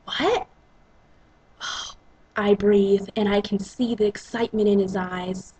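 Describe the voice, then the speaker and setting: Female narrator, breathy and husky, dramatic reading of romance fiction. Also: medium pitch, steady tone, moderate pace, dark tone, rough recording. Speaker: reader and narrator.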